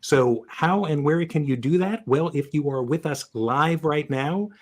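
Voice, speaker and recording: A man's voice: on the high side, measured pace. A man hosting a live data visualization webcast, upbeat and joking as he introduces his co-hosts and guests. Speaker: podcast host.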